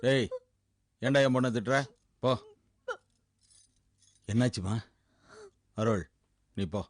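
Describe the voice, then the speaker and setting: A man's voice: medium pitch, slow pace, dry recording, clean studio sound, close to an everyday voice. A man playing a jovial, soothing father. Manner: jovial, laughs often, soothing with his daughter. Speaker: bride's father. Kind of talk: TV serial acting.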